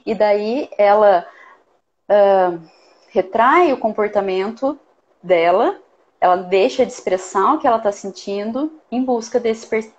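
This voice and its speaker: A woman's voice: mid-range voice, measured pace, muffled recording. A woman giving earnest parenting advice in a casual talk, often checking in with "né?". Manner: earnest, explains with many "né?" tags. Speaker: parenting guest expert.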